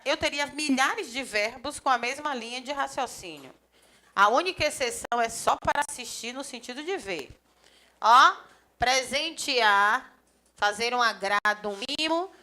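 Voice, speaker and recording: In a live classroom lecture for a civil service exam course, a grammar teacher with a slightly high voice keeps things lively and chatty. She acts out little dialogues, talks with her students, and often uses "ó" to point things out.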